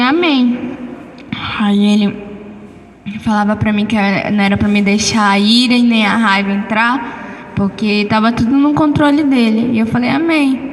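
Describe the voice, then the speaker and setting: A Brazilian woman with a fairly high voice tells her testimony in church, acting out each exchange as she goes. Her voice rings through a hall with a long reverb tail, with faint ambience behind it. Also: a little hiss or hum. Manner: animated storytelling, reenacting dialogue. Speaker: church member giving testimony. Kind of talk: spoken testimony.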